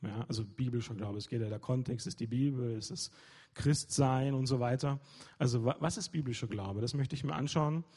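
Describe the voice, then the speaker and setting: A man's voice: mid-range voice, brisk, darkish tone, breathy edge. A young man giving an informal sermon, hesitant, with many fillers and restarts. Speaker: preacher.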